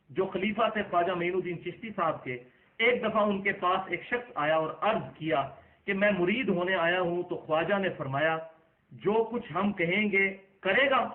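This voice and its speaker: A man giving a religious lecture, arguing his points and now and then bursting out with emphasis. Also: sits high. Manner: argumentative, rising to emphatic outbursts. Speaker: Islamic lecturer. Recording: tinny phone-like lo-fi sound.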